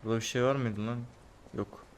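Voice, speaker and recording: Young man with a Turkish accent, gameplay commentary, mutters low, erupts into angry cursing. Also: steady tone, a little fast, slight background noise. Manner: muttering to himself, bursting into angry swearing. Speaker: gameplay streamer.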